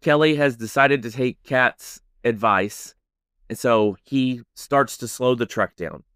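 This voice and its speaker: A man hosting a podcast, telling a story in an animated way with lots of "like"s. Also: medium pitch, slow, clean tone, no echo, clean studio sound. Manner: animated, many "like"s, acts out voices.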